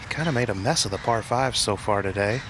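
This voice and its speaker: A man's voice: fairly low pitch, lively intonation, fast talker. A man giving live golf commentary on how the players are doing. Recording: clear outdoor noise behind the voice.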